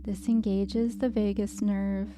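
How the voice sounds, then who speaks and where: Female hypnosis guide, mid-pitched, very slow and soothing, giving gentle relaxation instructions. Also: level tone, background noise.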